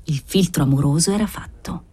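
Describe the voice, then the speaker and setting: A woman reading a literary novel aloud in a measured, expressive storytelling manner. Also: deep voice, slightly rough. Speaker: audiobook reader. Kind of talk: literary narration.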